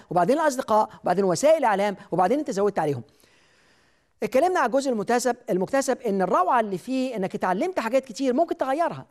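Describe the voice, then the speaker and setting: A man with an Egyptian Arabic accent hosting a self-help TV show, giving an emphatic motivational talk straight to the viewer. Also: high-pitched.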